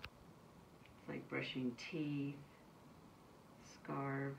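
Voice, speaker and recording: A nursery school teacher reading a picture book aloud, breaking off to chat casually about each picture. Her delivery is very slow and gravelly. She sounds set back from the mic, with a faint hiss behind her. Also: extremely low pitch, flat delivery, dull audio. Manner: pauses to describe the pictures in a casual, chatty way. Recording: distant mic, faint background noise.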